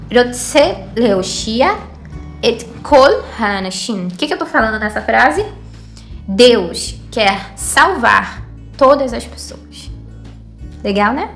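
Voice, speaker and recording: A woman's voice: a little high, fairly bright tone. Brazilian woman teaching with careful explanations. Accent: Brazilian Portuguese. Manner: explanatory, fillers like "tá?" and "né?", repeats words slowly. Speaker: Hebrew teacher. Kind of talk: online language lesson.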